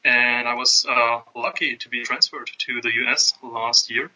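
Man, German accent, measured explainer, very bright voice, muffled lo-fi sound. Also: mid-range voice, fairly even intonation, a little hiss or hum. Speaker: guest consultant. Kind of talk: podcast interview.

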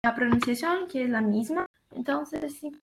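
A woman's voice: high voice, gravelly, background noise. A woman explaining German grammar in a casual lesson, hesitant and full of fillers. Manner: slow, hesitant, many fillers. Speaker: German teacher.

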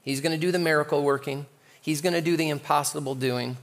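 A man's voice: a little high, steady tone, quick pace. A male pastor preaching a sermon in a conversational way, with light humor.

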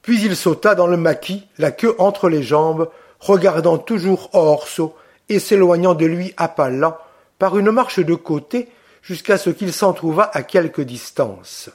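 A man reads a classic novel aloud at a slow, steady pace. His voice sits fairly high, and he keeps the narration measured and deliberate. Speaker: audiobook reader. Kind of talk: literary audiobook narration.

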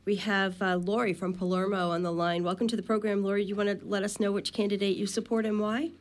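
A woman's voice: mid-range voice, level tone, a little hiss or hum. A woman hosting a radio call-in program, taking callers and moderating guests. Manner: brisk, fast-paced moderating.

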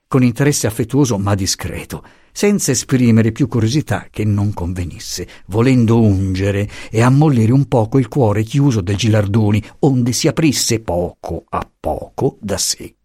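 A man narrating a classic novel as an audiobook, measured and expressive, recorded close on a studio mic. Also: fairly low pitch, husky, no room sound.

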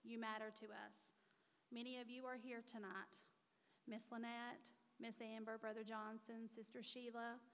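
A woman's voice: fairly high pitch, level tone, normal speed, a bit bright. Heartfelt mother in a reverberant hall. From Missouri. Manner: earnest, heartfelt, reading from notes. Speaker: mother of the honoree. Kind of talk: prepared tribute speech. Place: church gathering hall.

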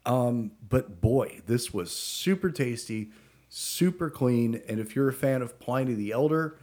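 A man co-hosting a podcast, talking through a casual review in an earnest, halting way. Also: mid-range voice, animated, a little mellow. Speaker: podcast co-host, beer reviewer. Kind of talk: casual beer review chat.

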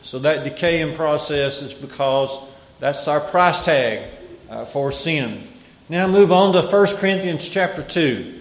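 A man preaching a Bible sermon with a slightly raised pitch, measured and emphatic, going back over his key phrases. His voice carries through a roomy hall and trails off in a long reverb.

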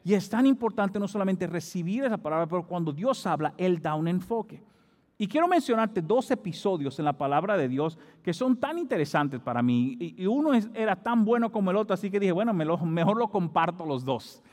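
A man's voice: high-pitched, big pitch swings, brisk, darkish tone. A male pastor preaching a sermon in a church, building his delivery to emphatic peaks. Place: church hall. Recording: long hall reverb.

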